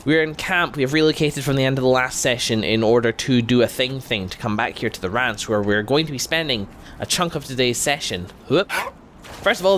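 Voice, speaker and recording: A man's voice: mid-range voice, fairly bright tone, slight background noise. A man hosting a let's play, chatting casually and reading game text aloud, a little congested from hay fever. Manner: chatty, rambling, laughs often. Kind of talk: casual gameplay commentary and reading codex entries aloud.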